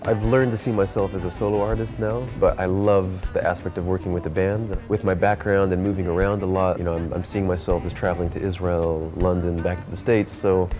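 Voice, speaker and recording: A man's voice: low voice, little pitch movement, brisk, hardly any pauses. A man in his thirties, a reggae musician telling his story in an interview in a laid-back way, often adding "you know". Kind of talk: reflective interview monologue. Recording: clear music playing behind the voice.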